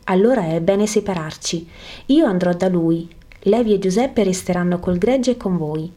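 A woman's voice: lowish voice, normal speed, dark tone, natural voice. A woman reading the lines of an eager male shepherd, speaking with urgency in a scripted religious narrative. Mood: eager, urgent.

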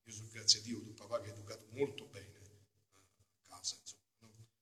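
Bright-voiced preaching friar in a reverberant church. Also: male voice, fairly low pitch, little pitch movement, fairly quick. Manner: emphatic, keeps asking the congregation "no?"; swells loud on key phrases, then drops to quiet asides. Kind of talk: homily.

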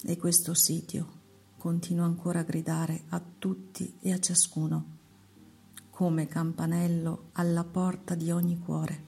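The Lord, solemn and unhurried, read by a woman: dark, gravelly tone, hushed devotional recitation. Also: fairly low pitch, completely flat delivery, faint music behind, full character voice. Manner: slow, measured, hushed recitation. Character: the Lord, a solemn male divine voice. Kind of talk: devotional reading.

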